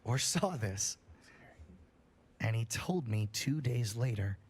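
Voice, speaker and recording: A man's voice: expressive, takes it slowly, slight background noise. A man on a livestream reading a horror story aloud in a casual, profane way, his voice rising at the tense parts. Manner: casual and profane, rises in pitch at tense moments.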